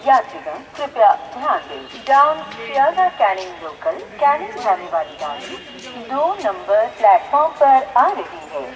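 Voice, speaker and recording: A woman making railway announcements over a station loudspeaker in a slow, measured, sing-song way. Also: medium pitch, big pitch swings, loud music behind the voice. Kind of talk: public train announcement. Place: railway station platform, outdoors. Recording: echoey distant loudspeaker with loud platform noise. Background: busy station noise.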